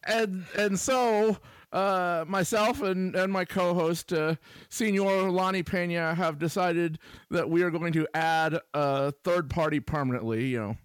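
A man's voice: high voice, measured pace, clean tone, no room sound. A man co-hosting a podcast, talking casually with lots of fillers and dry humor. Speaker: podcast co-host.

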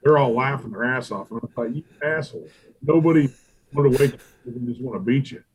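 A middle-aged man, a barbecue pitmaster telling stories in a casual interview, animated and profane, acting out what he and others said. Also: medium pitch, quick pace, poor audio. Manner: animated, profane, quotes himself and others in acted asides. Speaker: competition barbecue pitmaster and restaurant owner.

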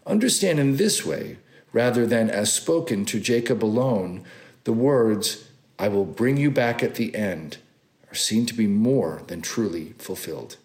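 A man reading a religious text aloud in a formal, deliberate and solemn manner. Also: fairly low pitch, expressive, a little mellow. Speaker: scripture and homily reader.

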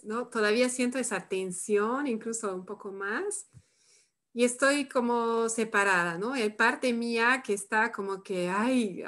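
A woman leading a live workshop, who talks calmly and reflectively and tags her phrases with "¿no?". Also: medium pitch. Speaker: workshop facilitator. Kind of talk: live online workshop demonstration.

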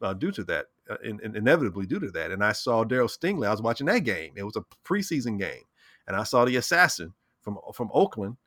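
A man with a bright, forceful voice in lively sports talk. He talks animatedly, often repeats words and acts out his own reactions. The sound is dry and close. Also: fairly low pitch, quick pace, no echo. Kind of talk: casual sports chat.

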